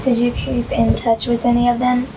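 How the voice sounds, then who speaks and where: A woman's voice: a little high, monotone, normal speed, noisy background. A woman interviewer reading out prepared questions.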